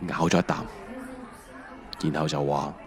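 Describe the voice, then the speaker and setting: A very deep, level-toned male voice with a Hong Kong accent narrates a scripted autobiographical audio drama at a moderate pace, reflective and wry. Music runs under the voice, and a faint crowd can be heard.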